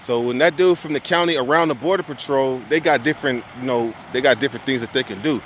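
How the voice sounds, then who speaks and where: In a medium-pitched voice, a young man talks fast through a long story for his viewers, heavy on street slang and cussing. He rambles, restarting and repeating sentences often, over a faint hiss or hum.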